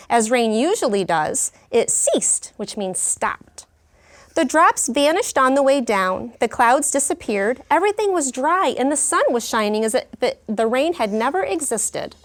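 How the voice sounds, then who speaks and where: An elementary school teacher reads aloud and teaches young children, explaining words and lessons in simple terms and describing her method. Her high-sitting voice is sing-song at a measured pace, and she gives clear, child-friendly explanations while asking the pupils questions.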